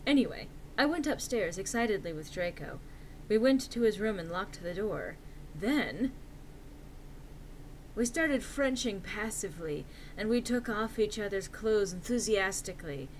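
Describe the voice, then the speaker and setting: A woman's voice: mid-range voice, expressive, a little slow, a little hiss or hum, low-quality recording. A woman giving a dramatic reading of fan fiction with the theatrical delivery of a hammy stage actor. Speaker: reader.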